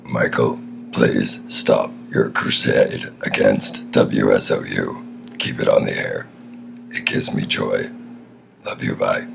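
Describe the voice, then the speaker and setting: A man putting on a very deep, gravelly voice to leave a slow, pleading voicemail. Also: fairly even intonation, background noise, full character voice. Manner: slow, drawn-out.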